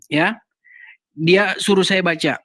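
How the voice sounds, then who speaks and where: A man's voice: high-pitched, slow, fairly bright tone, no echo. A man hosting a heated online debate, speaking insistently and repeating his challenge, from Indonesia. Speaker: debate host.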